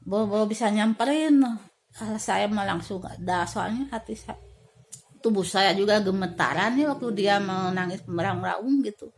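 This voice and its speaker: Woman, fifties, casual storytelling, chatty with fillers, middle pitch. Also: a little hiss or hum. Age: 50s. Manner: chatty, many fillers, drawn-out words at tense moments.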